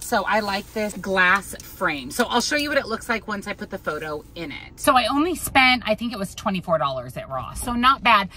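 A woman's voice: medium pitch, sharp tone, slight background noise, poor audio. Chatty upbeat woman vlogging. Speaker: lifestyle vlogger. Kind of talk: casual vlog narration.

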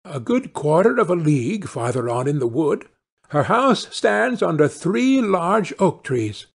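An innocent, trusting little girl from a storybook, acted out by a man, pitched up from his usual voice. The lines are earnest and polite, slowly drawn out with a wondering lilt. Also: very animated, vocal fry, breathy edge, full character voice.

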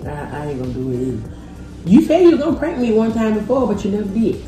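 A woman's voice: mid-range voice, fast, reverberant, soft background music. A woman, chatting casually and teasing while eating on camera with her husband. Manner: lively, teasing, laughs often. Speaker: channel host. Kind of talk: casual mukbang chat.

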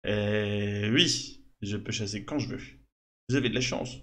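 French streamer reading game dialogue. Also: male voice, on the low side, unhurried, sharp tone. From Lille, northern France. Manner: joking, reads NPC lines in his own voice. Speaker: gaming streamer. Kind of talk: let's-play reading game dialogue aloud.

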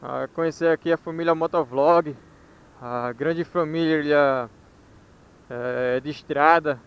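A man's voice: fairly high pitch, fairly even intonation, takes it slowly, clear, resonant tone. A man in his thirties with a Northeastern Brazilian accent, chatting casually as a motovlog host. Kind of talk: casual vlog chat.

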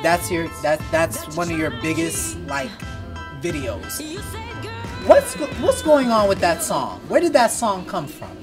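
A man hosting an entertainment news show, talking in an animated, chatty way with playful asides. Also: sits high, a little slow, music in the background. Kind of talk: energetic entertainment news chat.

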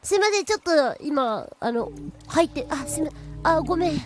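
A woman streams a game with playful, apologetic commentary and mock pleading. Her voice is very high and girlish in pitch, with clear music behind it. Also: animated, moderate pace.

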